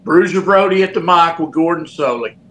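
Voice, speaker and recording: A man's voice: a little high, fairly quick, slight background noise, low-quality recording. An older man, a former pro wrestler telling stories animatedly in a casual interview. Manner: animated storyteller, folksy, sound effects.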